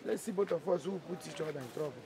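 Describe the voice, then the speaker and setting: High-voiced, anxious Nigerian debtor. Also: male voice, rapid-fire, gravelly, crowd noise. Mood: exasperated. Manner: urgent, repetitive pleading. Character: anxious, pleading debtor pressing his friend. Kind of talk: film drama phone monologue. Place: outdoors by a parked car at a roadside.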